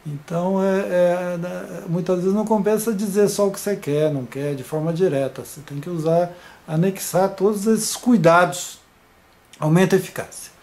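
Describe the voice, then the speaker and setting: A man's voice: high-pitched, moderate pace, a little mellow. A man giving an informal video lesson, hesitant, with many repeated fillers and restarts.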